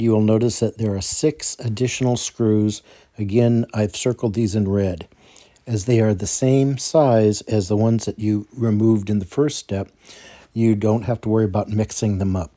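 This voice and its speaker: A man presents a hands-on tutorial in a mellow, relaxed voice. He moves through each step carefully and goes back over the important points. His pitch sits in a middle range for a man. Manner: careful, repetitive explaining. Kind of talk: step-by-step instructional narration.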